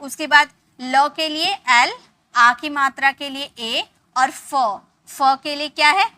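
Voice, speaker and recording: A woman teaching a spelling lesson, patient, repeating words slowly to show how they sound. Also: sits high, sharp tone, no room sound. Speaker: English teacher.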